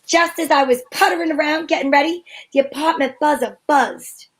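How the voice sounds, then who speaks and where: A woman with a high voice close to everyday speech talks at a normal speed, with faint music behind her. In a hobby old-time radio show, she plays a feisty, wry heroine, delivering sassy, theatrical first-person narration.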